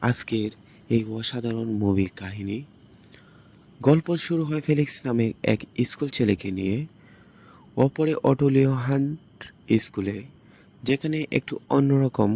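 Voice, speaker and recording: A man's voice: medium pitch, gravelly, a little mellow, a little hiss or hum. A man narrates the story of a film as a movie recap.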